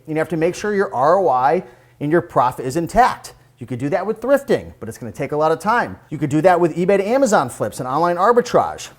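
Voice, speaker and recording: A man giving casual advice in a vlog, a bit out of breath as he walks on a treadmill and talks in an energetic, chatty way. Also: a little high. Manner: conversational, repeats "like" and "you gotta". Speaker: online reselling vlogger.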